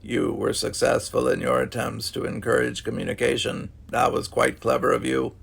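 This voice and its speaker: A man voicing a solemn alien leader with a raspy voice, speaking slowly and deliberately. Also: mid-range voice, a bit bright, heavily acted. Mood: grave. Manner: slow and deliberate.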